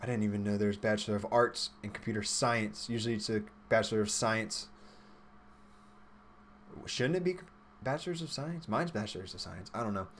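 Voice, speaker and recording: This livestream host, a software developer in his twenties, has a lowish, slightly bright voice and a moderate pace, with slight background noise present. He reads and responds to viewer questions informally, musing aloud.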